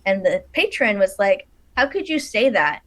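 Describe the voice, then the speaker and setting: A woman co-hosting a podcast, chatty and animated as she tells stories, laughing often. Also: medium pitch, moderate pace, no echo. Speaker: podcast co-host. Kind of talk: casual conversation.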